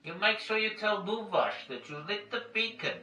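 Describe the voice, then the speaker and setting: A high, bright old hag, acted out by a man for a tabletop game. She is excitable and insistent, with pitch that swings about, heard at a distance in an echoey room. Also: moderate pace, heavily acted.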